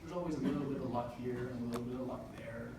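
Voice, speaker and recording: This speaker at a student business event is a man in his twenties with a medium-pitched, gravelly voice and a fast delivery. He's earnest and motivational, with plenty of "uh" fillers. It was captured from far back in an echoey hall, with a lot of noise.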